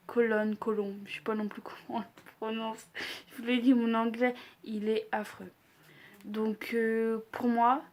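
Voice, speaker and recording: A young woman making a casual wrestling predictions vlog, hesitant and full of fillers, laughing at herself. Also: a little high. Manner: hesitant, many fillers, self-deprecating. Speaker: vlogger.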